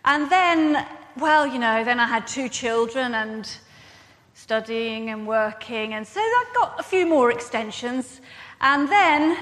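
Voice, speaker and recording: Woman pastor, raised pitch, relaxed self-mocking sermon storytelling, echo of a big church. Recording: long church reverb.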